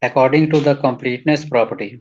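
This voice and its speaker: A man teaching a math proof in a recorded lecture. He reads textbook lines slowly, then explains them in casual Hindi, mixing in English terms and often checking in with "ठीक है". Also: mid-range voice, steady tone, a little mellow, lo-fi sound, a little hiss or hum.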